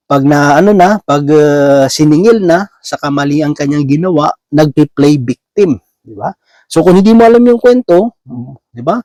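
A man delivers a Bible teaching sermon in a relaxed, conversational way, with a voice that sits a little high for a man. He often turns to the listeners with a quick question and mixes English words into his talk. The sound is dry and close. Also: no room sound. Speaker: preacher.

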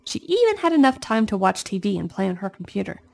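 A woman's voice: mid-range voice, big pitch swings, fast talker, gravelly. Woman narrating a children's storybook. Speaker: storybook reader.

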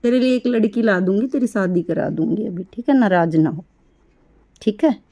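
A middle-aged woman talking baby talk to her pet rabbit, coaxing and doting in a sing-song way with soft laughs. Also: medium pitch, normal speed. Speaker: pet vlogger caring for rescued animals.

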